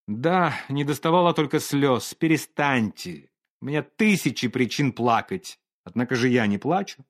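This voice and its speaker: A moody, irritable painter who snaps and groans in a storybook reading, as a male narrator plays him. His speech is exasperated and tense, with wide swings in pitch. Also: lively intonation, normal speed, close to an everyday voice. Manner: exasperated, through clenched teeth.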